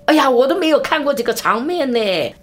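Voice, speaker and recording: A woman evangelist telling a story in an interview, with a lively delivery, big pitch swings and quick, repeated phrases.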